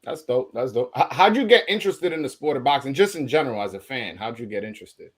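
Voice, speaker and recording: A man's voice: mid-range voice, expressive, quick pace, breathy edge. A man hosting a casual boxing interview livestream, talking loosely with frequent repeats and restarts.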